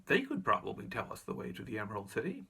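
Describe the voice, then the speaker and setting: A man's voice: fairly low pitch, wildly swooping pitch, fast talker, creaky, sharp tone, husky, full character voice. A man voicing an earnest, polite young girl in a storybook reading. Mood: earnest, anxious.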